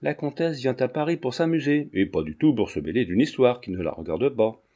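A chatty young man-about-town talks in a glib, teasing flow, voiced by a male narrator. His voice is mellow and easy. He tends to run on and never quite takes things seriously. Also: mid-range voice, expressive, a little fast.

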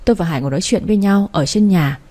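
A woman reading a romance story aloud in a steady storytelling manner. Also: on the low side, rapid-fire. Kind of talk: storybook audiobook narration.

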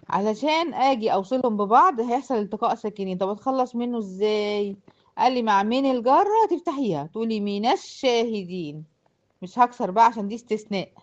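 A woman's voice: mid-range voice, muffled recording. A woman with an Egyptian accent teaching a class, explaining step by step and often checking that her students follow. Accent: Egyptian Arabic. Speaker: Quran recitation teacher. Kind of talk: explanatory lesson to a class of girls.

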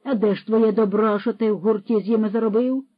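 A narrator voicing a pompous male horse thief who lectures loudly and scatters Latin words, on a dull, dry recording. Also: medium pitch, fairly even intonation, fast, dry recording, voice pushed up, natural voice. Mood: scolding. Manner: lecturing, scolding, loud.

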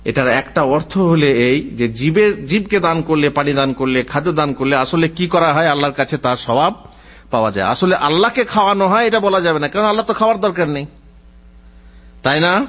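A male Islamic preacher giving a sermon in an animated storytelling way, quoting Arabic and then explaining it. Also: fairly high pitch, a little fast. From Bengal. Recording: dull lo-fi audio.

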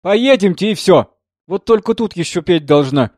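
A man voicing a prickly, worn-out young woman who sings with a harp in a tavern, speaking in a shrill, scolding way. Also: expressive, moderate pace, a little mellow, dry recording, clean studio sound. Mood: tired, curt.

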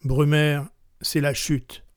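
A man reading the lines of a stern, gray-haired male stranger from a storybook in a grave, measured voice. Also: a little high, flat delivery, clean tone, no echo, clean studio sound.

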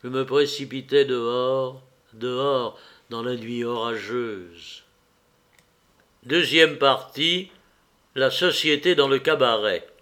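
Slow, measured male audiobook narrator. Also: medium pitch. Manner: measured, expressive reading. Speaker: audiobook reader.

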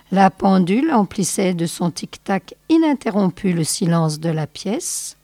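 A woman radio host reading a short story aloud, slow and measured. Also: medium pitch, warm tone, no room sound.

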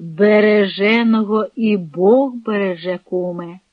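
Reader plays a cautious, level-headed colonel, measured delivery; dry, lo-fi. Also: medium pitch, dry recording, close to an everyday voice. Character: older Cossack colonel, calm and cautious. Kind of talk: audiobook reading with character voices. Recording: dry, dull lo-fi recording.

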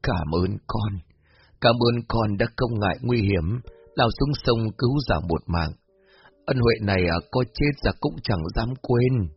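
A man's voice: lowish voice, lively intonation, a little fast, dry recording. A man doing a frail, whispery old grandmother. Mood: grateful. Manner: weak, breathy, scolding. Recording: muffled lo-fi with faint music.

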